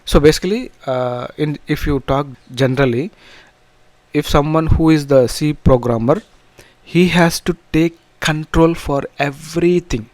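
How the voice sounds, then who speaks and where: A man with a Telugu accent teaching an informal programming tutorial, in halting, repetitive phrases with restarts. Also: fairly high pitch, a little mellow, no room sound. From south India. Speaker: programming instructor.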